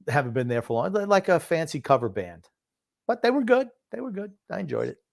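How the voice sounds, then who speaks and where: A man's voice: on the high side, sing-song, fast, gravelly, no room sound, studio quality. A middle-aged or older man hosting a sports talk show, commenting casually and with firm opinions, reminiscing and repeating phrases for emphasis. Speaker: sports talk show host known as the grumpy old man.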